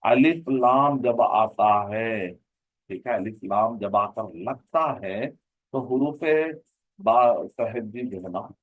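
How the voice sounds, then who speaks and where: A man's voice: on the low side, takes it slowly, dry recording, phone-quality sound. Male teacher, explanatory and repetitive, dry close mic. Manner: explanatory, repeats and asks rhetorical questions. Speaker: Arabic grammar teacher. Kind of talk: online class lecture.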